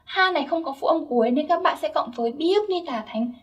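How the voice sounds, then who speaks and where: A woman's voice: sits high, lively intonation, a little fast, far from the mic, lo-fi sound. A young woman teaching Korean grammar step by step, patiently checking that her listeners follow. Her first language is Vietnamese.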